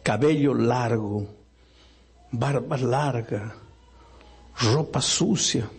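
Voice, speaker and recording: A man preaching as a pastor, telling a story in an animated way with sudden leaps in pitch for emphasis. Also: drawn-out words, slightly rough. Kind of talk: storytelling sermon.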